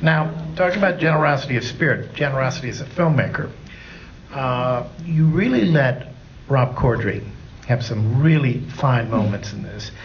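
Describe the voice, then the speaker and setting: A man's voice: mid-range voice, lively intonation, moderate pace, highs cut off, a little hiss or hum. Folksy male host of a cinema Q&A. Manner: folksy, jokey questioning. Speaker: film critic hosting a Q&A. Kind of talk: live Q&A moderation. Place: cinema auditorium with audience.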